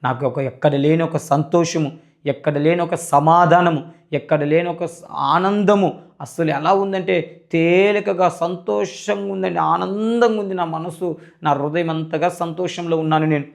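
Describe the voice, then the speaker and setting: Middle-aged guy telling his church testimony, gravelly kinda high voice, fervent, keeps repeating himself. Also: steady tone, a little slow. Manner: fervent, repetitive phrasing, rising to loud cries. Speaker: person giving a religious testimony. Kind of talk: emotional spoken testimony.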